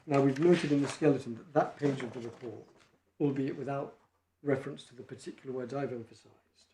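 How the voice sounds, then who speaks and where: A barrister making a measured legal argument in court, reading quoted passages from judgments. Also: male voice, mid-range voice, mellow. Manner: measured, reads quotations from case law. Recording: echoey courtroom, faint noise.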